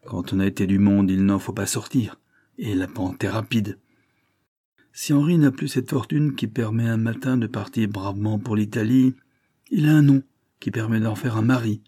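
Guy reading proud restless young widow, dark mellow voice, audiobook monologue. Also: on the low side, normal speed, no room sound, clean studio sound, close to an everyday voice. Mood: brooding. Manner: pleading, brooding monologue.

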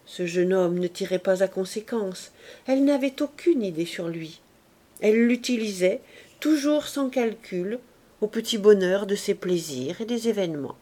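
A woman narrating a classic novel as an audiobook reader, clear and expressive. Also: medium pitch, normal speed. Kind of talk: scripted narration.

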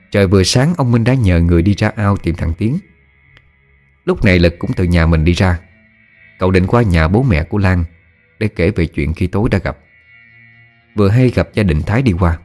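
A man calmly narrating a scripted ghost story. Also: sits low.

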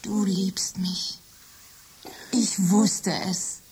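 A woman playing a lovesick, jealous female office computer in a radio drama, speaking softly and often in a whisper. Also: medium pitch, unhurried, a little hiss or hum, natural voice. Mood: obsessive, tender. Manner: soft, intimate, often whispering. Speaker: computer character.

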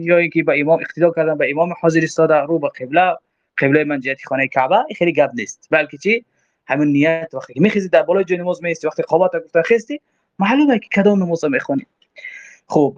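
A man with a Tajik accent teaching from a religious text, quoting Arabic phrases and explaining them, often asking himself questions before answering. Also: a little high. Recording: dull lo-fi recording.

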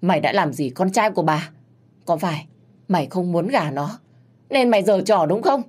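A woman voicing a distraught older mother who wails, pleads and scolds in a high, loud voice. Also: animated, fast talker, slightly rough. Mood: furious. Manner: frantic, scolding, sobbing pleas.

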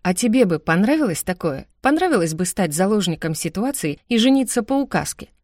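Woman reading as a calm teasing young stepbrother, easygoing, mildly sarcastic, dry close sound. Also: mid-range voice, a little fast, no room sound.

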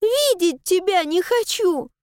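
A woman voicing Mila, a stubborn young village girl, with a high, indignant, pleading delivery in an audiobook. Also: expressive, slow, darkish tone, dry recording, exaggerated voice. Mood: furious. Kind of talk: audiobook character voice.

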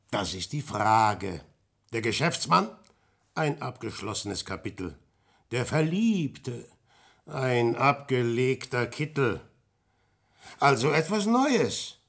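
A man's voice: mid-range voice, fairly bright tone, exaggerated voice. An actor playing Peer Gynt, a restless grandiose adventurer, declaiming his musings in rhyme in a classic radio drama.

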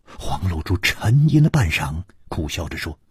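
A man narrating a martial arts audiobook in an expressive, dramatic storytelling manner. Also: deep voice, normal speed, breathy edge, dry recording.

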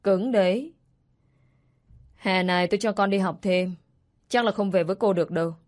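A woman's voice: mid-range voice, moderate pace, darkish tone, natural voice. Smug ex-husband figure in a story reading, taunting tone, voiced by a woman. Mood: mocking. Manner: taunting, mocking. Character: smug mocking ex-husband, man.

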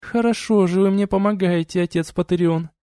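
A man reading an audiobook and voicing a cold, scornful noble duchess who lectures in a measured, sarcastic way. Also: high voice, fairly even intonation, mellow, dry recording, clean studio sound, close to an everyday voice.

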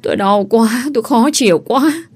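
A woman voicing a scheming young pregnant village woman who wails and pleads loudly. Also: fairly high pitch, moderate pace, breathy edge, voice pushed up. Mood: wailing. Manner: loud, wailing, pleading.

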